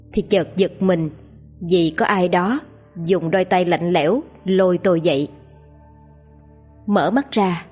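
A woman narrating a ghost story in a slow, steady reading voice. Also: lowish voice, slightly rough.

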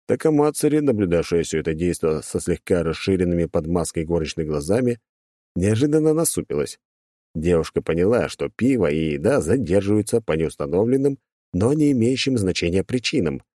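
Brief: male audiobook narrator, very low, dark timbre, wry and sardonic delivery. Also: very animated, a little fast, no echo, clean studio sound. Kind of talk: scripted first-person narration.

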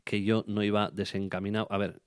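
A man's voice: fairly low pitch, flat delivery, a little fast, no echo, studio quality. A man hosting a podcast, chatting casually and rambling with many restarts and fillers. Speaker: podcast host.

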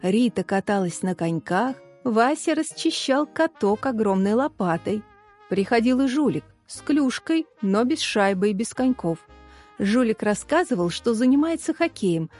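A woman calmly reading a children's story aloud. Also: medium pitch. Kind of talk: storybook narration.

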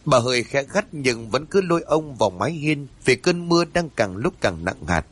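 A man narrating a ghost story in a dramatic, drawn-out reading. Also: mid-range voice, sing-song, husky. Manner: dramatic, slow and drawn-out in tense passages.

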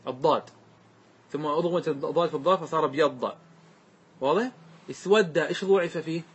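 A man teaching a classroom grammar lesson, slowly repeating word forms and often checking that his students follow. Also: fairly high pitch, slight background noise. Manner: asks students frequent check questions; repeats words slowly to show their forms.

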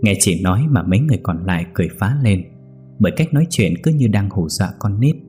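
Man, ghost story narrator, deep voice, mellow tone. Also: lively intonation, fast, faint music behind.

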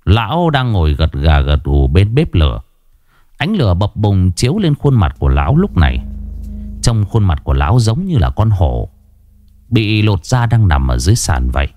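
Male horror narrator, deep voice, expressive, dry close mic. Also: normal speed, dry recording. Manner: dramatic, shifting delivery. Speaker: storyteller. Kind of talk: dramatic horror story narration.

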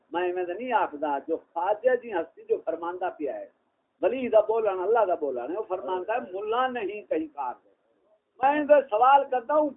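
A man preaching an impassioned sermon, firing off rhetorical questions and mocking refrains. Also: very high-pitched. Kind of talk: fiery sermon. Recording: tinny phone-like mobile recording.

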